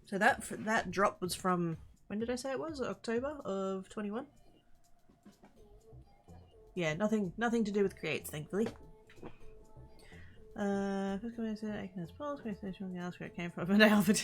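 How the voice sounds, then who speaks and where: A woman's voice: mid-range voice, normal speed, pauses often, soft background music. A woman livestreamer chatting casually and playfully with her viewers, rambling and easily sidetracked. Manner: playful, informal greetings to chat.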